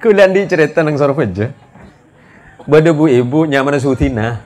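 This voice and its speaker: A man's voice: on the high side, animated, measured pace, darkish tone. A man, preaching in a comic storytelling style, joking and mixing in local words.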